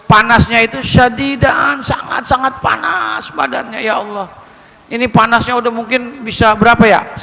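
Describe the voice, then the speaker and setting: A man preaching a lively, humorous sermon, joking with and questioning his congregation. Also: very high voice, normal speed, creaky, big-room sound, low-quality recording.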